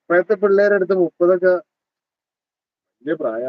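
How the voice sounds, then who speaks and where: A chatty man in his thirties with a Malabar Malayalam accent hosts a casual livestream and jokes with viewers as he calls out their names. His voice sits a little high for a man. The phone audio sounds dull and dry, with no room echo. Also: expressive, fairly quick. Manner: chatty, teasing, greets viewers by name. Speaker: livestream host. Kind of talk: casual live chat reading comments.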